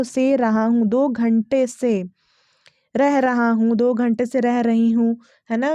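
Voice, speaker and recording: A woman's voice: a little high, warm tone, no room sound. A young woman teaching English grammar in a patient, repetitive way, often checking whether her students follow. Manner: patient, repeats key words, asks if it is clear. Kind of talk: explaining grammar in a lesson. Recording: dull, lo-fi sound.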